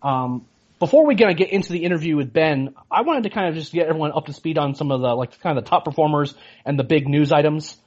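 A man's voice: a little high, expressive, fast, a little mellow, breathy edge. A man hosting a sports podcast in casual chat, rambling with lots of fillers and restarts. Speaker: podcast host. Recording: dull lo-fi sound.

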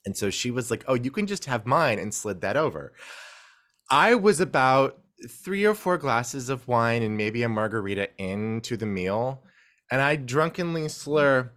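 A man's voice: mid-range voice, very animated, measured pace, fairly bright tone. Rambling man telling stories as a guest. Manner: rambling storyteller, self-interrupting. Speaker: podcast guest. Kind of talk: casual chat.

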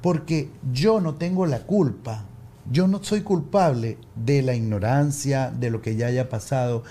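A man, a podcast guest telling stories in lively casual conversation, acting out voices as he goes. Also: medium pitch, unhurried. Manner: animated storyteller, acts out quoted voices. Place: recording studio.

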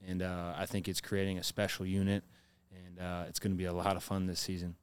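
A man's voice: low-pitched, brisk, clean tone. A man, a football player, chatting casually on a podcast and telling stories with energy. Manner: animated storytelling, laughing.

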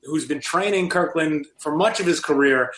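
A man co-hosting a sports podcast in casual chat, halting with many restarts and fillers. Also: a little high, fairly bright tone, roomy sound. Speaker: podcast co-host.

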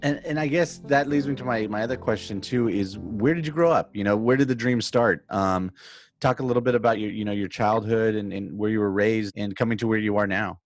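A man's voice: lowish voice, brisk, soft background music. A man interviewing a guest, asking loose, rambling questions.

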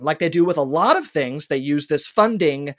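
Presenting a trivia segment, this podcast co-host speaks in a slightly high, a bit bright voice, fairly quickly and with lively intonation. He explains things at length like a lecture, rambling casually with many fillers and restarts. It's studio quality with no room sound.

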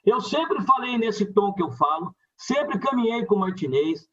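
An indignant councilman argues and cuts in during a heated session, his high voice swinging widely in pitch. The tone is husky, and the sound comes through a dull, lo-fi broadcast feed. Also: big pitch swings, moderate pace, a bit bright. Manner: indignant, argumentative, interrupting. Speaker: city councilman.

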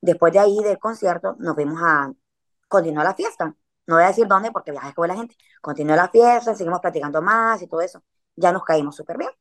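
A woman's voice: fairly low pitch, a bit bright. A woman, chatting casually as a podcast guest and telling a story in a slangy way, with frequent filler words.

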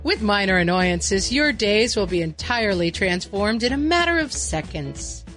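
A woman playing a mock-earnest infomercial announcer, deadpan and salesy, in a scripted parody ad. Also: mid-range voice, normal speed, soft background music.

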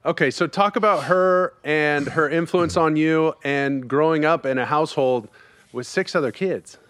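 A man's voice: on the high side, normal speed, fairly bright tone, no echo. Upbeat man hosting a podcast interview. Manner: upbeat, chatty, friendly questioning. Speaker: podcast host. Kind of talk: casual interview.

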